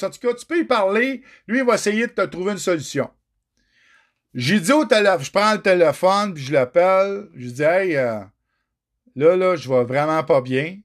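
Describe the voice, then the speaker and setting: This is a high-pitched, fairly bright male voice belonging to a middle-aged man with a Quebec French accent. Swearing often, he shares his own story in an emotional, unfiltered monologue aimed straight at viewers.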